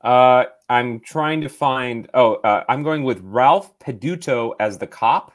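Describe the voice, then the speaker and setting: A man's voice: mid-range voice, slow. A man chatting casually as a movie podcast co-host. He rambles enthusiastically, piling up ums and uhs as he builds his points. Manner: enthusiastic, rambling with many fillers.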